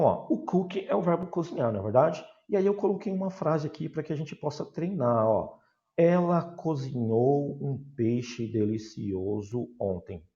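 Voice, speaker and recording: A medium-pitched, warm-toned man with a Brazilian Portuguese accent gives an online English class, talking slowly and deliberately and repeating words for pronunciation practice. The highs in the audio are cut off.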